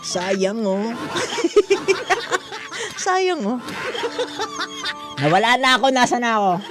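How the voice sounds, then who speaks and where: A woman's voice: on the high side, sing-song, slow. A woman hosting a radio show, reading listener letters and commenting in a giggly, teasing manner. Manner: giggly, teasing, frequent laughter. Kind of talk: casual radio chat. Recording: radio studio with music bed.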